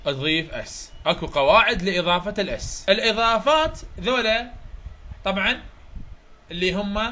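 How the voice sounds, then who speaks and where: Iraqi-accented male tutor, high, bright and sharp tone, reviews grammar through examples, quizzes his class often. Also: a little hiss or hum. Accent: Iraqi Arabic. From Iraq. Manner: explains through examples, often checks if students follow. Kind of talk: chapter review lecture.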